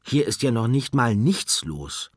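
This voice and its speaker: A man voicing a small, excitable female furry animal with a squeaky, piping voice in an audiobook. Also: a little slow, no echo, clean studio sound. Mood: plaintive. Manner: excitable and dramatic. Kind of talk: audiobook character voice.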